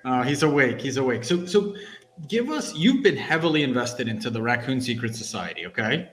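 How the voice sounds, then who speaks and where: A man's voice: mid-range voice, sing-song, brisk, a bit bright. A man co-hosting a casual podcast, asking rambling, teasing questions. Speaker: podcast co-host. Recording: roomy sound with faint music.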